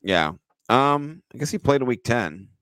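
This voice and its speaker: Excitable laughing man co-hosting a podcast. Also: mid-range voice, unhurried, smooth, no room sound. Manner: laughs often, animated and excitable when amused. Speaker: podcast co-host. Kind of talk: casual chat.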